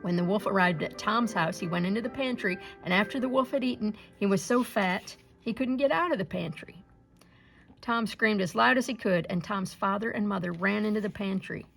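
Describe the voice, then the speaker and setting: In a gentle storybook manner, a woman reads a children's fairy tale aloud at a fairly quick pace. Her middle-pitched voice has heavy vocal fry, and soft music plays faintly behind her.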